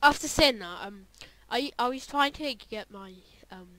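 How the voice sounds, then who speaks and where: A woman's voice: fairly high pitch, expressive, unhurried, noisy background. A young woman chatting casually as she reacts to her own old videos, rambling with lots of fillers and trailing off. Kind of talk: casual reaction vlog commentary.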